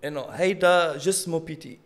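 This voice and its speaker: With a fairly high, steady voice and a brisk pace, a Lebanese Arabic-accented man co-hosts a podcast in a lighthearted, joking way. He tells stories by mocking people's voices and mixes in bits of English.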